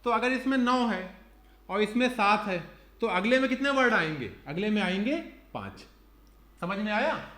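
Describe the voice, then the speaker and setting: A man's voice: high voice, expressive, moderate pace, pushed and bright, reverberant. A man teaching an online exam-prep reasoning lecture, explaining step by step and counting aloud.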